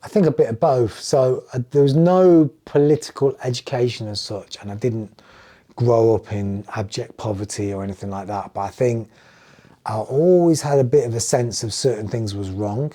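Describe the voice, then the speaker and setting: A man's voice: mid-range voice, moderate pace. A middle-aged man from England with an English accent, a music producer telling stories as a podcast guest and acting out the lines of the people in them. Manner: animated storytelling, acting out quoted dialogue. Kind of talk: casual podcast conversation.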